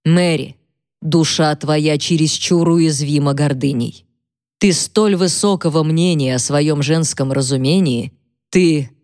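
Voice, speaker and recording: A woman's voice: deep voice, darkish tone, no echo, studio quality. A woman voicing an irritated, self-important husband who talks down with sarcasm. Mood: condescending. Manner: condescending, sarcastic, slow.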